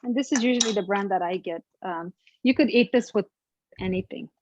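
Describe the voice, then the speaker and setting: Brisk and mid-range in voice, a young guest cook with an Afghan accent laughs and talks hesitantly while demonstrating a family dish in a casual way. The audio has its highs cut off and background noise.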